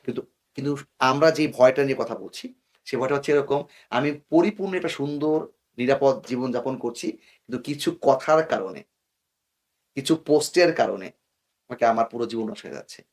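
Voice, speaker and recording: A man's voice: mid-range voice, moderate pace, long pauses, darkish tone. A man from Bangladesh, a guest in an interview, explaining in earnest, cautionary tones and mixing English words into his speech. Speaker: guest expert.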